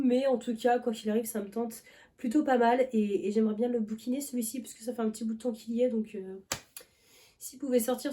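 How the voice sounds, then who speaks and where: In a loose, casual book vlog, a young woman rambles along, full of fillers and restarts, with a cough here and there. Her voice is a little high and warm.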